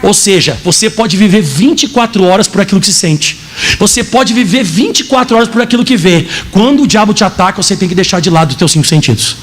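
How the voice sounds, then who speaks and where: Fast, high-voiced preacher. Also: male voice. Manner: animated storytelling, acting out dialogue. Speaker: pastor. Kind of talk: sermon with personal testimony.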